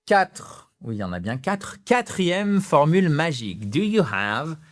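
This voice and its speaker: A man with a French accent teaching English phrases in an animated online lesson, gesturing and stretching out example sentences with rising intonation. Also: a little high, measured pace.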